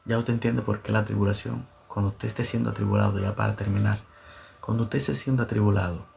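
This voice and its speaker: A man's voice: lowish voice, steady tone, fast, gravelly, darkish tone, slight background noise. A man preaching a sermon as pastor, fervent and repeating phrases for emphasis.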